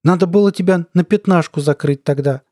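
A man voicing a mocking, sly middle-aged army colonel who talks in a squeaky, lisping, cooing baby-talk voice. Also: expressive, moderate pace, warm tone, no echo, studio quality. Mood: gloating. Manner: mocking, taunting.

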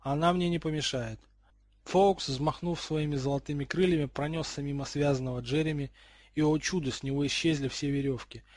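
A man reads a storybook aloud in a steady, expressive way. His voice is fairly high and husky. The recording is dry and close, with no room sound. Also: a little fast, dry recording. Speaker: audiobook reader. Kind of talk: storybook narration.

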